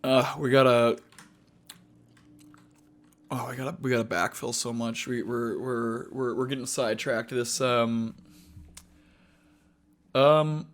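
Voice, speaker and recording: A young man giving casual gameplay commentary, rambling and halting with many fillers and restarts. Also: medium pitch, fairly even intonation. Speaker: gaming video host.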